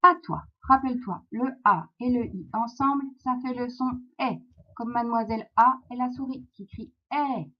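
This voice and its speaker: A woman with a French accent teaching a phonics lesson to young children, slow and clear, encouraging, sounding out words syllable by syllable. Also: fairly high pitch. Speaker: primary school teacher. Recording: dull lo-fi sound.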